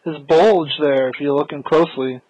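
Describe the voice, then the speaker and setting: A man's voice: a little high, moderate pace, darkish tone, no echo, muffled recording. Easygoing man podcast host. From United States. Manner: easygoing, laughs at his own jokes. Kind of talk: casual chat watching a show.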